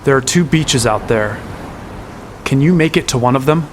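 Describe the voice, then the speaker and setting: In a mid-range voice close to everyday speech, a young adult actor narrates at a moderate pace as a sarcastic hero recounting his own fantasy quest. The first-person audio drama narration and dialogue sound wry and exasperated, with slight background noise.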